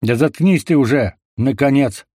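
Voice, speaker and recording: A gruff, clipped young forester, battered but defiant, speaking in short, hard bursts for an action audiobook, as the narrator voices him. His voice sits near a plain middle register and sounds dry and close. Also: mid-range voice, moderate pace, dark tone, no echo, voice pushed up, lightly acted. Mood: angry. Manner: terse and gruff. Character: wounded, gruff young man, a forester and fighter.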